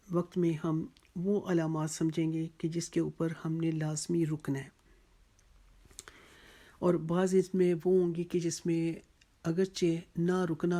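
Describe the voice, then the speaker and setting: A Quran teacher explains the lesson in a measured, unhurried way, pausing often between phrases. The voice is mellow and warm, and it stays level with little rise and fall. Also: medium pitch. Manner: measured, explanatory, with frequent pauses.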